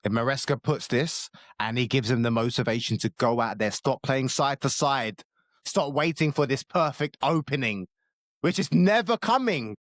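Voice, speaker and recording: A man's voice: medium pitch, lively intonation, normal speed, dry recording, studio quality. A young man in a casual football chat, passionate and fired up, with casual slang. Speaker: co-host, football fan.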